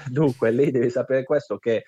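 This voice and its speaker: A man's voice: mid-range voice, steady tone, moderate pace, warm tone, slightly rough, dry recording, dull audio. A man from Bari, a guest on a comic radio interview, talking in a hesitant, mock-serious way full of fillers. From Bari, Italy.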